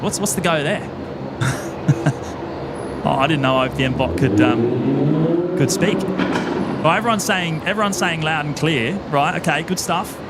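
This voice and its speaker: A man with an Australian accent hosting a live stream outdoors at an airport, chatty, repeating his words as he greets viewers. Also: fairly high pitch. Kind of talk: casual live-stream chat. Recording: loud outdoor traffic noise behind.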